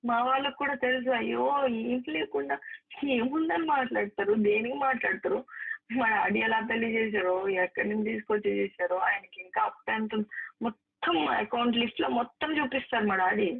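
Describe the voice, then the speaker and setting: An actress with a fairly high, creaky, breathy voice talks fairly quickly in a heated private phone call, arguing emphatically and repetitively while reproaching the other person. The audio is a narrow, tinny recording over a phone line.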